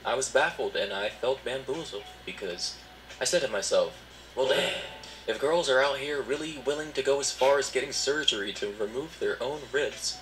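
A man's voice: medium pitch, expressive, normal speed, fairly bright tone, slight background noise, poor audio. A man narrating a commentary video in a wry, sarcastic storytelling way. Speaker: commentary YouTuber.

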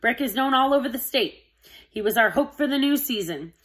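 A woman reading as a calmly menacing male school principal. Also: sits high, voice pushed up, low-quality recording. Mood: stern. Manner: measured, soft and deliberate.

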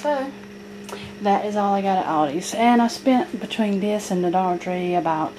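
At normal speed and medium pitch, a vlogger lists her groceries one at a time at her home kitchen table, um-ing plenty as she goes. A handheld camera films the tabletop for this casual haul narration, and the audio has clear noise.

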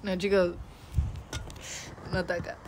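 A young woman with a Rioplatense Spanish accent streams live from home, chatting playfully with her chat and her dog, which barks in the background. Her fairly low voice stays level and slow. The home stream audio is noisy.

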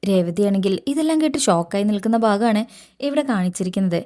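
A woman retelling a television serial episode as a narrator, steady and matter-of-fact. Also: mid-range voice, fast. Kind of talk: storytelling episode recap.

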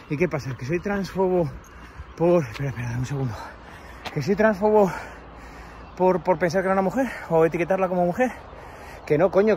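A man's voice: a little high, darkish tone, slight background noise. A man with a Peninsular Spanish accent rants sarcastically to camera while climbing a steep outdoor path, out of breath, rambling and crude. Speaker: vlogger. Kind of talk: walking vlog rant to camera.

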